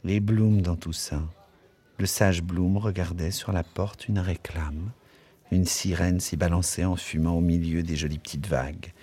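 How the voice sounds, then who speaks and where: Deep-voiced man reading literature. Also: husky. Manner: measured, expressive. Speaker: audiobook narrator.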